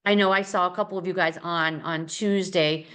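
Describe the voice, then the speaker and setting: A woman's voice: fairly low pitch, fairly even intonation, moderate pace, a bit bright, clear, resonant tone. Chatty woman leading a sales training. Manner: chatty, rambling, with many fillers and restarts. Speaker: real estate trainer. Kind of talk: casual team training session.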